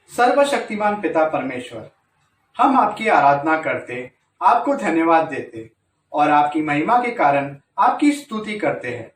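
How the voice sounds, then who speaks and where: Lively man reciting praise in a roomy church. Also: fairly high pitch. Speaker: worship leader. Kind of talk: liturgical recitation. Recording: roomy, distant mic, faint ambience.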